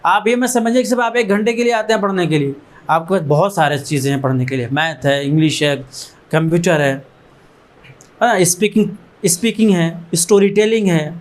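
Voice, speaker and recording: Speaking in a high-pitched voice, a man who set up an education trust addresses students in a learning centre room. His motivational talk is earnest, and he urges them forward in bursts of short phrases he keeps repeating.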